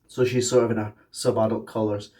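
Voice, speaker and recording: A man's voice: lowish voice, little pitch movement, brisk, mellow. A man with a thick, congested voice from swollen tonsils and hay fever, chatting casually to viewers as a vlog host. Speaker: tarantula keeper and video host.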